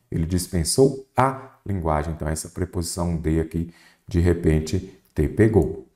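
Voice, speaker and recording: A man's voice: on the low side, a little mellow. A man with a Brazilian Portuguese accent teaching an exam-prep grammar lesson, explaining step by step and answering his own rhetorical questions.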